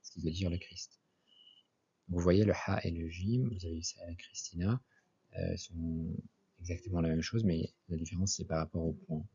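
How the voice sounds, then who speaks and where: A man's voice: low voice, flat delivery, moderate pace, dark tone, breathy edge. A man teaching an Arabic lesson, spelling out letters and repeating each example word twice before explaining it. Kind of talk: slow methodical language lesson. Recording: dull lo-fi recording.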